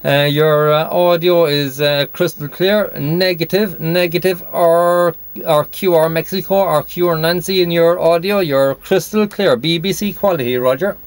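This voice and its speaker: Speaking at a moderate pace with a fairly high, steady voice, this man from Cork, Ireland, works a CB radio, chatting with contacts and spelling things out phonetically, repeating words as he goes. He barely pauses and sounds smooth; the voice itself is dry, though the radio shack around him is noisy.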